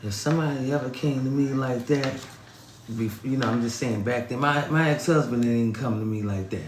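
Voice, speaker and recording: A man's voice: medium pitch, brisk. A man co-hosting a podcast, chatting animatedly and reacting. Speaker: podcast co-host. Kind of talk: casual chat. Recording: roomy echo with faint noise.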